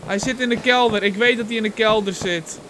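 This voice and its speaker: A man giving excitable horror game commentary, jumpy and quick to yelp and shout when startled, laughing often as he plays. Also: high-pitched, noisy background. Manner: laughs often while talking. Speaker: let's play gamer.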